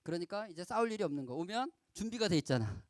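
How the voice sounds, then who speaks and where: A middle-aged man giving a lively storytelling lecture to children at a camp, acting out quoted lines and asking the audience questions. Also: high voice, quick pace, no room sound. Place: lecture hall at a youth camp.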